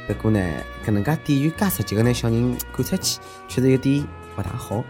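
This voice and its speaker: A man's voice: medium pitch, quick pace, dark tone, faint music behind. A man with a Shanghai accent hosting a comic news commentary, speaking in a sarcastic, mocking, conversational way.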